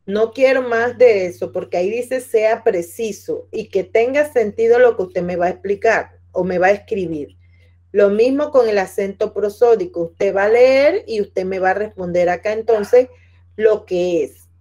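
A woman's voice: medium pitch, normal speed, warm tone. A woman teacher giving patient class instructions, repeating each point and speaking to her students by name. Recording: dull lo-fi audio.

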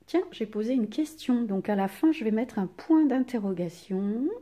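A woman teacher giving a recorded lesson to children, speaking with exaggerated rising and falling intonation and pausing for pupils' answers. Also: fairly high pitch, expressive, mellow. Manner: slow, exaggerated intonation to demonstrate punctuation; asks pupils questions and leaves pauses for answers. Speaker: primary school teacher.

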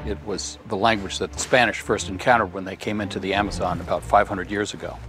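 A man explaining in a measured, informative way during an interview. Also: deep voice, fairly even intonation, a bit bright, soft background music.

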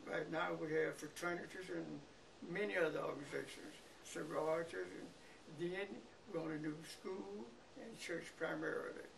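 Very old Southern man, creaky voice. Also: a little high, fairly even intonation. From Mississippi, United States. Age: very old, about 100. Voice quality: aged, creaky voice. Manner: halting, repeats words and pauses. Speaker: interviewee. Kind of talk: reminiscing in an interview. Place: living room by a window, indoors. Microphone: camera a few feet away. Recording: noisy, distant room camera recording.

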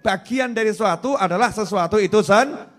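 Animated high-voiced male preacher. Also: a little fast, soft background music. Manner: animated, switches between soft asides and loud emphatic repetition, chants prayers. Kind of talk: sermon.

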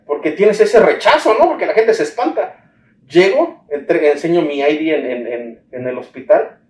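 A man with a Mexican accent tells his own story in an interview, acting out the voices of the people he dealt with. His voice sits a little high for a man. He sounds set back from the mic in a roomy, echoey space with faint ambience behind him. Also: far from the mic. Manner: animated storytelling, acts out the dialogue he recalls. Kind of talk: personal account in an interview.

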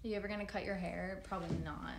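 A woman's voice: mid-range voice, fairly even intonation, rapid-fire, gravelly, roomy sound, noisy background. A woman in her twenties hosting a casual livestream, answering comments in a laid-back, chatty way with frequent swearing, recorded on a phone at arm's length in a plain room. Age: 20s. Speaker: livestream host. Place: large plain room indoors. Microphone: phone camera at arm's length.

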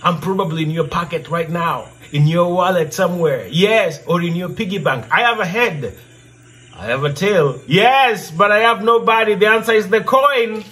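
A man, middle-aged, telling stories and posing riddles in a theatrical way, repeating his questions with drawn-out emphasis. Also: high-pitched, a bit bright. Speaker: storyteller and channel host. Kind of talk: interactive storytelling, posing riddles to children. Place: indoor room with brick wall backdrop.

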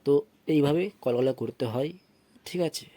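A man teaching Quran reading, slowly spelling out syllables and chanting short recited phrases in a patient classroom manner. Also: medium pitch, warm tone, no room sound. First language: Bengali. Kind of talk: tajweed lesson, spelling out and reciting verses.

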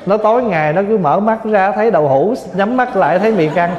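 A Vietnam-born man in his forties, a Buddhist monk, gives a folksy, joking dharma talk with a fairly high voice. The sound comes from a large, echoing hall with a long reverb tail. The recording is dull and a little muffled. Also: fairly quick, background noise. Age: 40s. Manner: folksy and humorous, mixing in English words.

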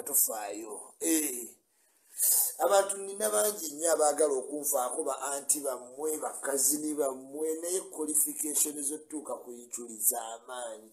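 A man's voice: a little high, darkish tone, poor audio. An older man from Uganda chatting on a live stream in a small room, greeting viewers by name and laughing often, recorded on a webcam in front of him. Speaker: vlogger. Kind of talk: casual live-stream chat. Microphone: webcam or phone in front.

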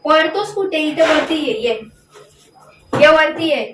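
A young woman with a slightly high voice talks slowly to her dogs at home, coaxing them and fondly scolding them in short, repeated commands. She is recorded from some distance, so her voice carries a roomy echo. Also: animated, fairly bright tone, a little hiss or hum. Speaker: pet vlogger. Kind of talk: casual talk to pet dogs.

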